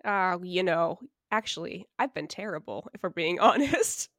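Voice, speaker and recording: On a casual podcast, a woman co-host speaks in a lowish, expressive voice at a moderate pace, with a slightly bright tone. She's sick, so she sounds a little nasal and scratchy, and she keeps things wry and self-mocking, laughing often.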